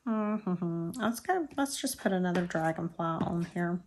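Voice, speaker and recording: This crafting channel host, a middle-aged Floridian with a South Georgia drawl, chats casually and rambles at her craft table, making light of herself while she crafts. Her lowish voice is animated and a little mellow, delivered at a measured pace against slight background noise.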